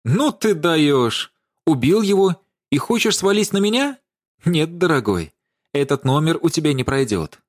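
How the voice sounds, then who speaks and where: A scornful young woman hurls accusations in a lively, raised voice, as a male reader puts her on. The storybook delivery swings animatedly through the lines. The sound is dry and close. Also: on the high side, moderate pace, no echo, pitched above the performer's own voice. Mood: accusing. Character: sharp, indignant young woman confronting a lover.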